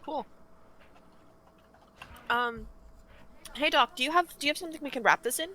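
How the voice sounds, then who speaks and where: A woman playing a tabletop game, speaking quietly away from the mic while eating. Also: high-pitched, moderate pace. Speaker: player. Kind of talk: casual tabletop game chat.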